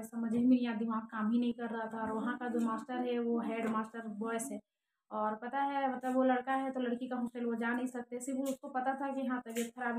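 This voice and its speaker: A woman's voice: on the high side, darkish tone, roomy sound, a little hiss or hum, rough recording. Earnest woman. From Jharkhand, India. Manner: earnest, rambling retelling with many fillers. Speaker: vlogger. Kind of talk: casual storytelling vlog.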